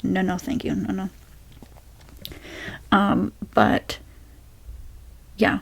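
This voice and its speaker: A young woman speaks softly in a relaxed, rambling way, answering viewer questions as an ASMR creator. Her voice sits in an ordinary middle pitch, and she drifts along with fillers and restarts. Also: very slow, gravelly, breathy edge. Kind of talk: soft-spoken rambling Q&A.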